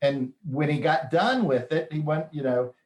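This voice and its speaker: A man hosting a casual chat, telling news stories in a relaxed, chatty way with plenty of fillers. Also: fairly high pitch, normal speed, echoey room. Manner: chatty storyteller with frequent fillers. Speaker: host.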